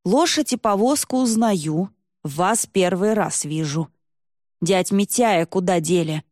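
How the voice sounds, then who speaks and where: A woman voicing a gruff, wary man. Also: lowish voice, animated, takes it slowly, darkish tone, dry recording, studio quality.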